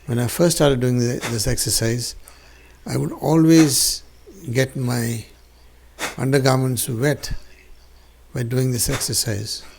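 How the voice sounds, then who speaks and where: Male yoga instructor, mid-pitched, very measured delivery, deliberate teaching with rhetorical questions, noisy recording. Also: steady tone, darkish tone. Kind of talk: spiritual instruction with personal anecdote. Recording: clearly noisy recording with clicks.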